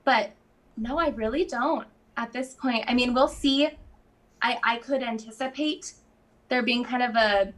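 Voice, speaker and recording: A woman guest in casual conversation, chatty and quick to laugh, with lots of fillers. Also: fairly high pitch, a bit bright. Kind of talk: casual chat.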